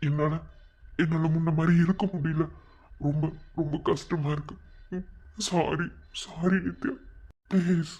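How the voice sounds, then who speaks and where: A man's voice: medium pitch, moderate pace, mellow, close to an everyday voice. A man with a Madurai Tamil accent voicing a lovesick young man who pleads and apologizes to his girlfriend. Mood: pleading. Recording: muffled lo-fi recording.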